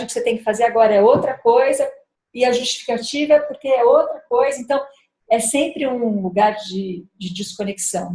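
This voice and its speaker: A middle-aged woman speaking thoughtfully about raising children, often pausing and restarting as she searches for words. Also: on the high side, darkish tone, echoey room. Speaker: speaker at a parenting gathering. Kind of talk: reflective talk with personal story.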